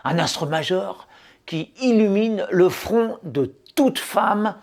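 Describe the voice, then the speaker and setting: A man's voice: high-pitched, lively intonation, slow pace, creaky, darkish tone, heavily acted. A man playing an arrogant, self-proclaimed macho man who declaims grandly and pompously, with hesitant fillers breaking up his lofty phrases. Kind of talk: mock-solemn satirical declamation.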